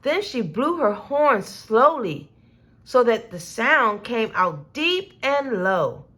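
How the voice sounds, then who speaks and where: This is a children's read-aloud: a woman with a fairly high voice narrates a storybook, her manner deliberate and full of expression.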